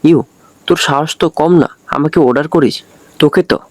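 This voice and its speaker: A man's voice: on the high side, moderate pace, no echo, lightly acted. A man playing a short-tempered, arrogant male company boss who speaks curtly and harshly. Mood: angry. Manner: curt, harsh.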